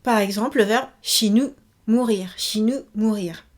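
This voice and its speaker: A woman's voice: mid-range voice, measured pace. A woman giving a casual video lesson, chatty, with many fillers, repeating each example word. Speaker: Japanese teacher.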